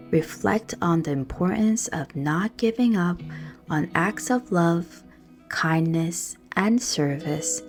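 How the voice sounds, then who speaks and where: A low-voiced woman leads a prayerful meditation, speaking very slowly and soothingly with measured pauses between phrases. Soft, gentle guitar music plays quietly behind her.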